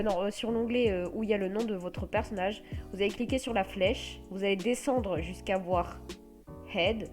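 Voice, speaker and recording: A woman with a French accent hosting a casual software tutorial, explaining step by step with many hesitant fillers. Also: mid-range voice. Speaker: tutorial host.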